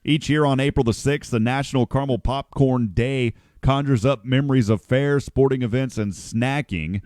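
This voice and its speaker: A man's voice: medium pitch, normal speed, darkish tone, dry recording, clean studio sound. A man hosting a morning radio show, chatting casually and rambling, often correcting himself as he reads the news.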